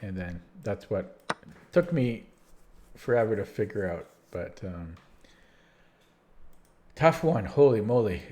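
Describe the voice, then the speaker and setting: Over a noisy background, a male streamer with a lowish, sing-song voice solves chess puzzles late at night, speaking slowly with long pauses. Worn out and rambling, he restarts often and uses lots of fillers, his voice going.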